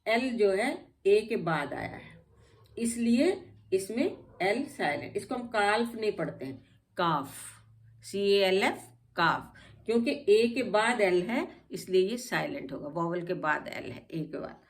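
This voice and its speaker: A woman's voice: medium pitch, sing-song, measured pace. A woman teaching English spelling rules, patiently spelling out each word letter by letter. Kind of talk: spelling lesson explained in Hindi.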